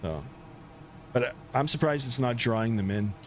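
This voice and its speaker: With engine rumble steady in the background, a male livestreamer gives casual commentary on his flight simulator session. He speaks haltingly, leaning on frequent pauses.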